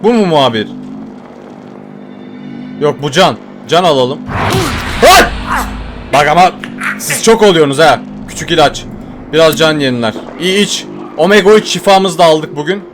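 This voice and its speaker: A man playing a horror game and commenting as he goes, yelling when startled and whispering while he sneaks. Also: on the high side, expressive, moderate pace, long pauses, music in the background. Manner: jumpy, shouts when scared, drops to hushed muttering when sneaking. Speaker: gaming YouTuber.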